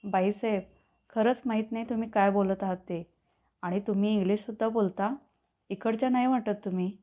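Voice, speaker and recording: A woman's voice: medium pitch, steady tone, a little fast, warm tone, close to an everyday voice. A woman voicing a polite young maid who speaks respectfully and coaxingly, in a storybook reading. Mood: puzzled. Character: polite young female hotel maid, deferential. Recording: tinny phone-like audio.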